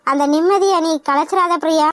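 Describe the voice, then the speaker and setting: A woman's voice: very high-pitched, brisk, a bit bright, pitched below the performer's own voice. A woman voicing a young sister-in-law in a cartoon, bossy and teasing as she advises the husband.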